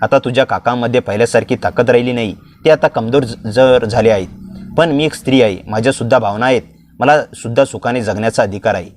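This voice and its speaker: A man's voice: medium pitch, fast talker, slight background noise, lightly acted. A man reading as a confiding married aunt. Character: married middle-aged woman, an affectionate aunt.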